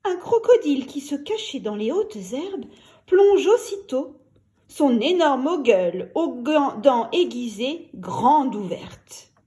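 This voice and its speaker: Slowly and in a high voice, a woman reads a children's story aloud, telling it in an expressive, animated way.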